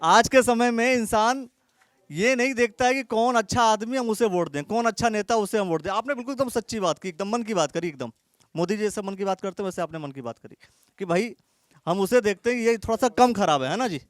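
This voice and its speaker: High-voiced probing street reporter, man. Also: brisk, dry recording, studio quality. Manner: probing, repeats questions. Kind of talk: street interview questions.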